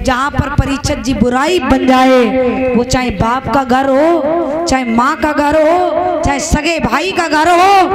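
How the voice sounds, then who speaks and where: Brief: storyteller as a calm god counseling his wife, high and deliberate. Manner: earnest admonishing, rising emphasis. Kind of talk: religious storytelling.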